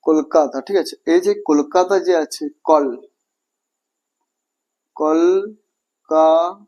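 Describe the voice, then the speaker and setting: A man's voice: a little high, normal speed, dark tone. A man with a Bengali accent teaching an English grammar lesson, repeating words and asking and answering his own questions. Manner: repetitive, checks understanding often, asks and answers own questions.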